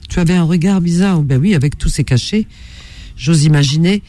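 A woman's voice: low voice, brisk, mellow, no room sound. A woman hosting a late-night radio call-in show, chatty and full of fillers. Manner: chatty, filler-heavy, lots of hein and euh.

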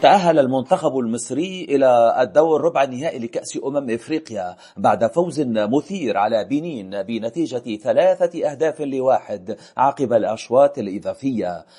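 A man presenting a radio sports news bulletin, reading a script in a measured, formal way. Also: mid-range voice, lively intonation, warm tone, husky.

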